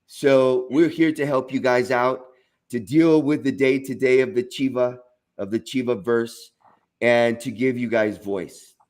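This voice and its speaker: A man's voice: medium pitch, fairly even intonation, unhurried, darkish tone. A man co-hosting a live fan show, talking in an effusive, emphatic way and repeating his phrases. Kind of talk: casual live-stream chat.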